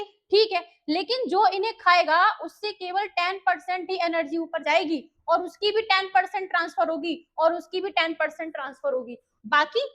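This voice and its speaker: A very high-pitched woman teaching an exam revision class. She has an Indian English accent and keeps a chatty, animated flow, asking the class questions and answering them herself. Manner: lively, chatty, mixes Hindi and English, asks and answers her own questions.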